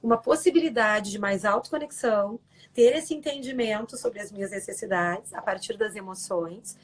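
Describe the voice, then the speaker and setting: A woman's voice: medium pitch, moderate pace. A woman giving an earnest, explanatory talk as a guest on a live stream, acting out quoted lines and often checking in with tag questions.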